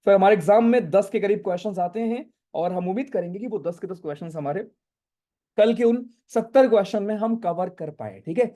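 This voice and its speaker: A man's voice: sits high, fairly quick, mellow. A young man teaching a live online class, chatty, mixing Hindi and English and often checking "right?" with students. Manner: chatty, reads student questions, asks "right?" often. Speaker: online exam-prep teacher.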